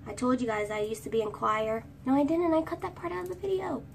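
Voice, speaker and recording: A fast-talking vlogger with a high, girlish voice and gravelly edges keeps a steady tone through a chatty get-ready-with-me storytime, rambling and singing fragments of songs. A phone camera at arm's length makes her sound distant, with faint room ambience and slight background noise.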